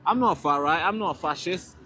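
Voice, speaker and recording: Speaking a little fast with a sharp tone, this young adult Tanzanian show host and street interviewer has a voice on the high side. He talks indignantly outside, casual and direct to camera, doubling up words when worked up. The handheld camera mic adds a slight hiss or hum.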